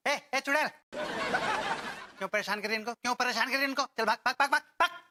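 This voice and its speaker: A man's voice: extremely high pitch, a little fast, heavy background noise. An actor playing an odd, cocky man who chases off a witch, talking in a theatrical, bossy way. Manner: theatrical, bossy, peculiar catchphrases. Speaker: eccentric neighbour in a TV sitcom. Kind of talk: sitcom acting.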